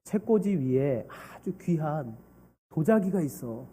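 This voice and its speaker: A gentle, forgiving father speaks softly and calmly, as a pastor acts him out in a sermon. His voice is mellow and a little husky. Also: a little slow, heavily acted. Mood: tender. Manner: soft, low, calm.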